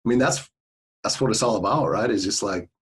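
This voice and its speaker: A man's voice: fairly low pitch, a little fast, breathy edge. A man hosting a podcast, chatting casually with a guest and using lots of fillers. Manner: friendly, many fillers like "you know" and "like". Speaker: podcast host. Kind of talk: casual interview chat.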